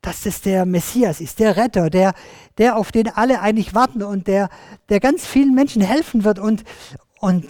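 Children's Bible storyteller, animated, addresses listeners, dry recording. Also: medium pitch, normal speed, dry recording. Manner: animated, addresses listeners directly, many restarts.

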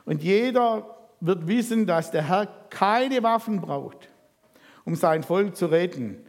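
A man preaching, retelling a Bible story and putting lively questions to the congregation. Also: high-pitched, takes it slowly. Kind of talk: sermon reading and retelling scripture. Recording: reverberant hall.

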